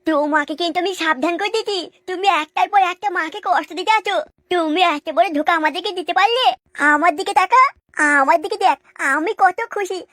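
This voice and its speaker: A cheeky little boy, speaking in a very high, squeaky cartoon voice. He bickers and boasts in a comic sketch, trading threats with his brother. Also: pushed and bright, no room sound, clean studio sound.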